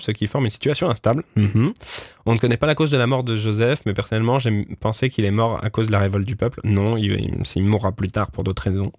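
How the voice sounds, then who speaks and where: A man casually reading fan theories about his fantasy world aloud, explaining with many hesitations and swearing as he bursts into loud disbelieving exclamations. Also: mid-range voice, dry recording, clean studio sound. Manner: animated, swears often, exclaims loudly in disbelief. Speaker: creator of a fantasy universe reacting to fan theories. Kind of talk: casual livestream reading and commentary.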